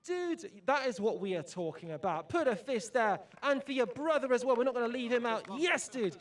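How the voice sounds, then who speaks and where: Broadcasting live from an outdoor fan zone, a young man chats with fans at their tables, hyped and joking with his guests. His voice is very high and expressive, and he speaks at a normal speed, giving the chat an energetic, upbeat feel.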